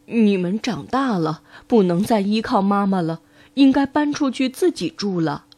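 A woman voicing a sensible mother pig in a children's story, steady and caring. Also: mid-range voice, moderate pace, voice pushed down, natural voice. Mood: earnest.

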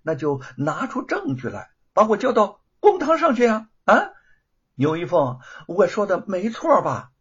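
Man doing a shrill, sly villainous woman. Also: sing-song, a little slow, fairly bright tone, husky, dull audio, full character voice. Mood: mocking. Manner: mocking, shrill denials, stammers when scared. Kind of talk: storybook character voice.

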